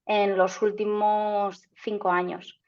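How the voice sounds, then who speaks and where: A woman's voice: medium pitch, flat delivery, slow pace. A woman, a marketing agency founder from Canada, answering interview questions in a chatty way with many fillers and restarts. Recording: slightly dull lo-fi sound.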